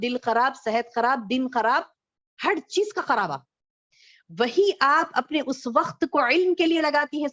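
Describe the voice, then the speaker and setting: Woman, religious scholar, lecture to women, higher-pitched voice, rhetorical questions, repetition, slow scripture recitation, muffled lo-fi recording. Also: a bit bright. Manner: repeats phrases and asks rhetorical questions; recites Arabic verses slowly, then explains them. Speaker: female Islamic scholar teaching women. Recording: dull lo-fi recording.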